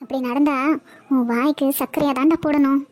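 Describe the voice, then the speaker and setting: A woman voicing a gentle, caring older mother in a cartoon web series, talking softly and reassuringly. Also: sits high, steady tone, a little fast, lightly acted.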